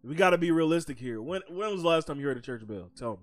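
Insistent American man with a higher-pitched voice. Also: expressive, fast talker, music in the background. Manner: slangy, insistent, repeats phrases for emphasis. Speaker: podcast host. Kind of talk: casual podcast banter with friends.

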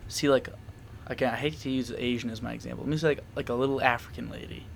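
Young man, casual podcast chat, rambling and animated, mid-pitched voice. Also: fast, gravelly, slight background noise. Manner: rambling, animated, laughs often, many fillers.

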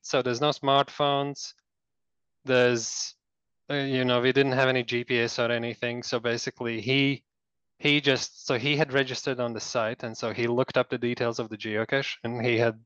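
A man's voice: medium pitch, a bit bright, clear, resonant tone, no echo, muffled recording. A man from Latvia telling a story in a casual interview, rambling with many fillers and restarts. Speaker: guest.

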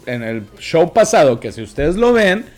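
A man co-hosting a casual podcast chat, relaxed, dropping English fillers into his Spanish. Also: a little high, moderate pace, soft background music. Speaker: podcast co-host.

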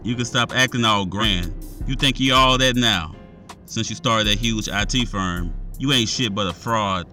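A man plays a menacing, taunting drama character with a very sharp, forceful voice. He sounds slightly distant, and faint music runs behind his slangy needling. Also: on the low side, moderate pace. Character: needling, menacing grown man, a married jail officer. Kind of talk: naturalistic screen drama dialogue.

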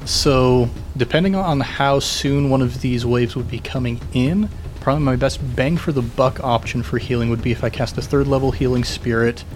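Mid-pitched man talking tabletop tactics. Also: moderate pace, a little hiss or hum. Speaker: player. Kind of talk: casual tactical tabletop game talk.

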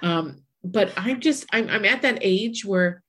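A woman's voice: medium pitch, measured pace, fairly bright tone. A woman in her forties in casual, earnest conversation, reflecting aloud with many restarts. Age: 40s. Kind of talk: casual chat.

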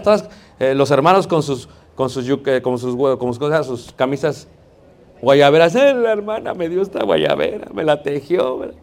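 A man with a Mexican Spanish accent, his voice on the high side and a little mellow, preaches in a chatty, joking manner. Throughout, he keeps calling out to the congregation, referring to them as brothers.

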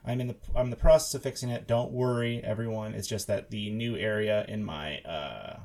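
A man's voice: fairly low pitch, brisk, a little mellow. A man hosting a casual podcast chat from a room in his house, his voice echoey as the sound bounces off a wall; he rambles with many restarts and jokes. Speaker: podcast host.

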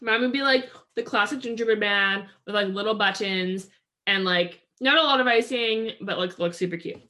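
Woman from Canada, podcast co-host, casual chat, bright tone. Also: medium pitch, normal speed. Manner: chatty, upbeat, heavy use of "like".

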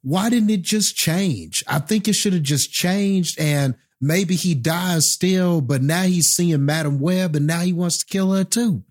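Animated, laughing podcast co-host man. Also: sits high, a little slow, hardly any pauses. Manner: animated, questioning, laughs often. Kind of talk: casual movie review chat.

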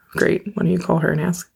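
A woman's voice: lowish voice, vocal fry, slightly rough. A young woman co-hosting a podcast in casual chat, laughing often and frankly poking fun at herself. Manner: laughing, self-deprecating, frank. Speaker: podcast co-host.

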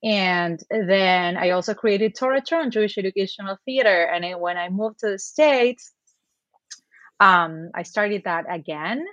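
A woman's voice: medium pitch, measured pace, a bit bright, dry recording, lo-fi sound. Woman, dry close sound. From Buenos Aires, Argentina. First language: Spanish. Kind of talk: interview conversation.

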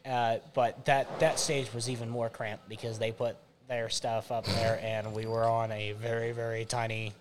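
A man's voice: medium pitch, level tone, moderate pace, few pauses. Mid-voiced man swapping band stories casually. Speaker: band member, podcast guest. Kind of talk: casual anecdotal chat.

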